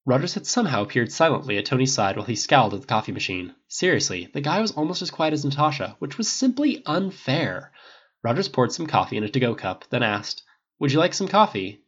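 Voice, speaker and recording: Expressive man reading fiction aloud. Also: mid-range voice, breathy edge. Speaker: audiobook narrator. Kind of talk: fan-fiction audiobook reading. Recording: dull lo-fi recording.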